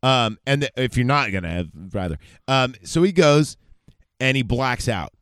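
A man's voice: medium pitch, lively intonation, moderate pace, a bit bright, smooth, no echo, clean studio sound. A man from California co-hosting a podcast, telling rambling, profane stories in casual banter. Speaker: podcast co-host.

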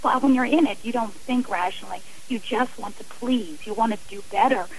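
A woman with a fairly high voice speaks briskly as a guest on a radio interview, earnest and emphatic, often repeating phrases to hammer a point home. The recording is rough, with slight background noise.

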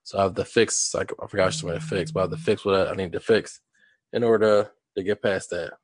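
A man in his thirties co-hosts a casual podcast in a laid-back manner, pausing often on ums. His voice sits fairly low. The sound is dry, with no room echo. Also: fairly even intonation. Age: 30s. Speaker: podcast co-host. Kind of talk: casual chat.

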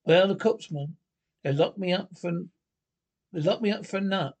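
A blustering cartoon caveman husband, stubborn and sure of himself. He talks loud and gruff, with a voice pitched a little high for a man. His manner is boastful and short-tempered. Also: normal speed. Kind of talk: cartoon voice acting.

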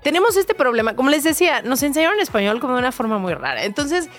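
A woman's voice: sits high, big pitch swings, fast talker, a bit bright, faint music behind. A woman, a language expert guest on a radio talk show, explaining patiently with lots of "o sea" fillers. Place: radio studio.

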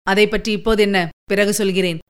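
A stern young prince with a sarcastic, cutting edge, as a woman reads him out in an audiobook. The voice is smooth and clear, with reproach in every line. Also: medium pitch, steady tone, brisk, close to an everyday voice. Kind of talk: audiobook character reading.

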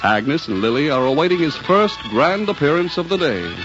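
A man's voice: fairly high pitch, big pitch swings, normal speed, a bit bright, highs cut off, soft background music. A man announcing a 1950s radio comedy show in a formal, showy manner, heard as an old radio broadcast. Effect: old radio broadcast sound.

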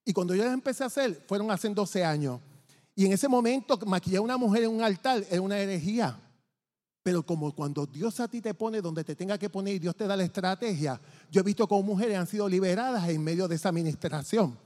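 A man giving a testimony from the pulpit, telling his story in an animated way and acting out the dialogue. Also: high-pitched, quick pace. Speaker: church testimony speaker. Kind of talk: testimony preaching. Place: church sanctuary. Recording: long church reverb.

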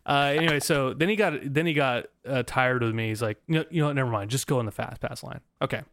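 An American man co-hosting a podcast tells a travel story in casual, storytelling chat, rambling and laughing with lots of restarts. His medium-pitched voice moves at a quick pace with vocal fry and a slightly bright tone, recorded with no echo.

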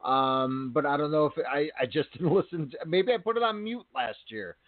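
Man, fairly high voice, laid-back, casual wrestling chat, phone-line sound. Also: animated, moderate pace. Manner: laid-back, laughing easily. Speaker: podcast co-host. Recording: tinny phone-line audio.

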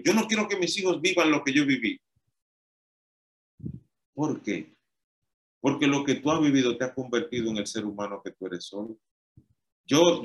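Man preaching a sermon, somewhat high voice. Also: a bit bright. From Dominican Republic. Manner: emphatic, repetitive, pleading.

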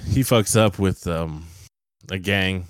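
A man's voice: sits low, takes it slowly, dry recording, studio quality. A young man co-hosting a podcast, chatting casually and profanely about movies in a rambling, laid-back way. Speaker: podcast co-host. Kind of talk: casual movie-review chat.

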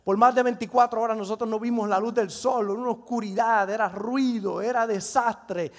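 A man, a pastor preaching an animated, humorous sermon. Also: high-pitched, moderate pace.

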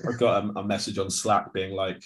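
A man's voice: low voice, little pitch movement, brisk. A man co-hosting a podcast, chatting casually about football, rambling with lots of restarts and fillers. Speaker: podcast co-host.

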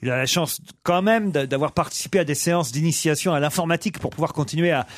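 A man's voice: a little high, fast talker, dry recording. A man hosting a radio talk show, teasing the panel and telling jokes sent in by listeners. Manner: playful, teasing, tells jokes. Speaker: host. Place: radio studio.

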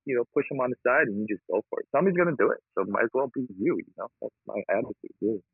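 This man from Hawaii, a real estate investor appearing as a guest, speaks in a rapid-fire, mid-range voice that is creaky and husky. He's upbeat and energetic, laughing often during casual interview talk over a call. The line sounds tinny and phone-like, dry, with no room sound.

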